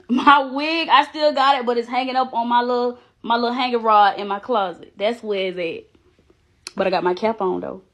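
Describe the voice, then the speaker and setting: A thirties woman vlogger chats casually with her viewers during a mukbang, speaking right to them and letting out drawn-out exclamations between bites. Her voice sits a little high, with a steady and slightly bright tone.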